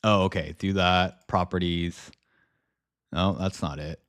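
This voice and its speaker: A man's voice: low voice, fairly even intonation, takes it slowly, fairly bright tone. A man livestreaming in a casual chat with viewers, speaking informally with slang and some swearing. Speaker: live streamer and video creator.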